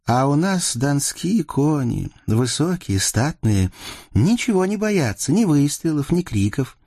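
A man voicing a teasing, sharp-tongued teenage Cossack girl in a storybook reading, with a husky voice. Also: fairly high pitch, big pitch swings, no room sound, studio quality, voice pushed up, heavily acted. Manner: mocking, quick retorts.

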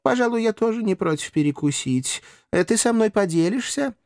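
Мужчина озвучивает столичного дворянина, манерно, напыщенно, высоковато, сухой звук. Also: male voice, sits high, animated, moderate pace, a little mellow, dry recording, studio quality, voice pushed up. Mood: playful. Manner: florid, theatrical, mock-gallant. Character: gallant theatrical young nobleman, mock-courteous. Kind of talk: audiobook character voice.

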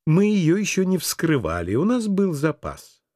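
Lively, wry male audiobook narrator. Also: a little high, measured pace, no echo, studio quality. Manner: wry, dryly ironic storytelling. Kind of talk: first-person audiobook narration.

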